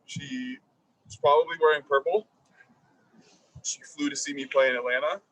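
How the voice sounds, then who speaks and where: Husky man giving a halting eulogy, distant. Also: mid-range voice, steady tone, fairly bright tone, dry recording. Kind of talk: eulogy speech. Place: graveside service. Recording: husky voice picked up from afar.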